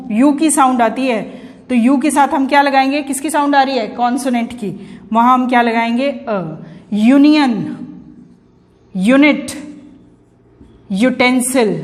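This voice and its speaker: A woman's voice: high-pitched, big-room sound. A woman teacher giving an English grammar lesson, asking questions and answering them herself.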